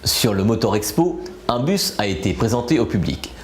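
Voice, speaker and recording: Lively male magazine-show narrator. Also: lowish voice, normal speed, reverberant. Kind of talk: scripted voice-over narration.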